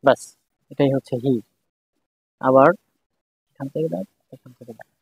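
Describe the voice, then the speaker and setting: Guy teaching kana, says each sound over and over, kinda husky, monotone, thin phone-ish audio. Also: medium pitch, moderate pace. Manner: patient, repeats each syllable several times. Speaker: Japanese language teacher. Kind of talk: step-by-step writing lesson. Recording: dry, phone-like tinny sound.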